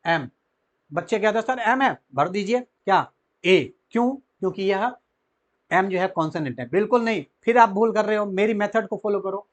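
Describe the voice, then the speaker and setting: A man's voice: sits high, moderate pace. A man teaching a grammar lesson to children, asking them questions and answering them himself.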